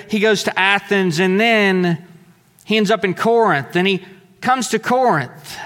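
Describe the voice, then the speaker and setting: This Southeast Texas pastor preaches with a high, bright, forceful voice, keeping his sermon relaxed and conversational. He's in a church sanctuary, and the recording carries the long echo of a big hall.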